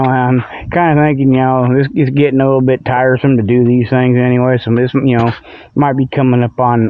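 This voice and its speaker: A man with a mid-range voice hosts a radio show through a rambling, folksy, repetitive comic monologue. He's outdoors on a walk before dawn, recording on a budget tablet held in his hand, so the audio sounds narrow and tinny.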